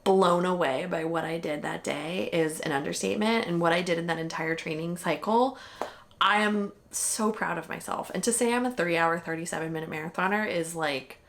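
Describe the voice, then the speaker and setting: Young woman vlogger, candid chatter, slightly low-pitched, talks freely. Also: normal speed. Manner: candid and chatty, heavy with "like" and mild swearing. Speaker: vlogger recapping a marathon. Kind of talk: casual chat.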